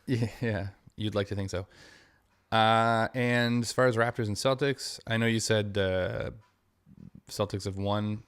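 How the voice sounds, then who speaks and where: A man co-hosting a sports podcast, chatting loosely and circling back on his own sentences. His voice sits a little low. He talks in easy, unpolished bursts full of ums and uhs. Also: fairly even intonation, a little slow, smooth. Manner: rambling, many fillers and restarts, laughs often. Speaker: podcast co-host. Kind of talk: casual sports chat.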